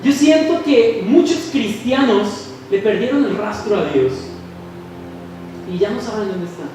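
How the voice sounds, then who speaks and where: A young man with a Colombian Spanish accent preaching a sermon, animated, acting out the voices of people in his stories. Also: sits high, measured pace, noisy background. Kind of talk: sermon with storytelling. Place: church hall. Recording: echoey hall from far off.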